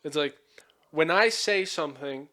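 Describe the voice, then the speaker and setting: A man's voice: a little high, unhurried, bright, forceful tone. A young man hosting a casual podcast chat, rambling with lots of fillers and frequent swearing. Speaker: podcast host.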